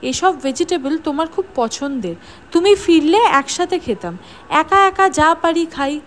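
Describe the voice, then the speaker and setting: A woman voicing a lonely widowed mother who speaks softly and fondly to her daughter on the phone. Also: high-pitched, expressive, measured pace, a little hiss or hum. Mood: tender.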